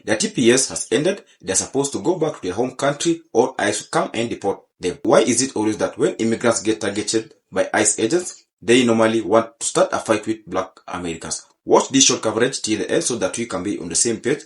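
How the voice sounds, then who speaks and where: Low-voiced host narrating with lively pitch. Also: male voice, fairly quick, hardly any pauses. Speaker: channel host. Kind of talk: scripted video narration.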